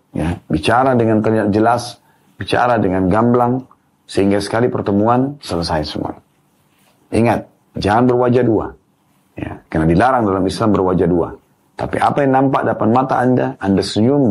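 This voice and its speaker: A man's voice: on the low side, darkish tone. A man teaching an Islamic study lecture in a conversational way, repeating his key points and checking in with tag words.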